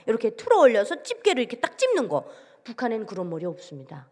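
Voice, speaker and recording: A woman from North Korea tells her story to a church gathering in a high, bright voice. Her pitch swings widely as she acts out each exchange, and the big sanctuary adds a long, trailing reverb. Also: huge pitch swings, fast talker. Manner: vivid storytelling, acts out quoted dialogue. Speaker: guest speaker giving testimony.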